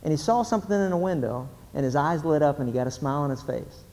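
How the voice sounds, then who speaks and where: A man's voice: a little high, fast talker. A middle-aged man preaching a sermon, telling stories and acting out the people in them. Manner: storytelling, animated, acts out the people in his stories. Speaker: pastor. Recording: long hall reverb.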